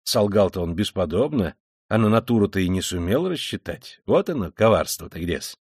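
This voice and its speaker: A man's voice: sits low, animated, normal speed, a little mellow, slightly rough, no echo, clean studio sound. A man reading an audiobook, voicing a fussy, cunning middle-aged male investigator who talks in an ingratiating, sly way. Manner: ingratiating, sly, with old-fashioned deferential endings.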